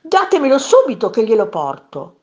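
A woman's voice: a little high, wildly swooping pitch, moderate pace, darkish tone, lo-fi sound, voice pushed up. A woman voicing a devoted young housemaid in a children's story, speaking urgently. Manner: exclaiming, urgent.

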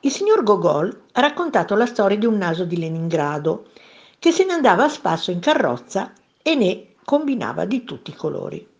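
A woman narrating a children's story in a playful, expressive way. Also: mid-range voice, normal speed.

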